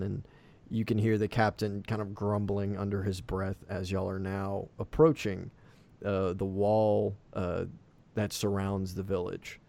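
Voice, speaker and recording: Gravelly man narrating a tabletop game. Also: fairly low pitch, darkish tone. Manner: loose, filler-heavy narration. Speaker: game master.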